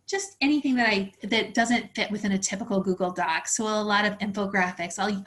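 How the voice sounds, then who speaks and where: A woman presenting a teacher workshop, explaining tools step by step in a friendly, practical way. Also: mid-range voice. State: slightly out of breath. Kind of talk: instructional webinar walkthrough.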